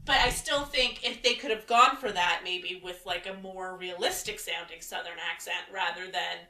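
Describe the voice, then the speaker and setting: A woman's voice: on the low side, steady tone, normal speed, sharp tone. A woman co-hosting a casual film-review podcast, wry and questioning, with lots of "like" fillers. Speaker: podcast co-host. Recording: roomy, distant from the mic.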